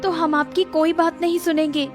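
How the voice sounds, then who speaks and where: Cartoon eldest granddaughter, coaxing and soothing, woman voicing, high voice, soft music behind. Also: flat delivery, moderate pace. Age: young adult. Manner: coaxing, placating.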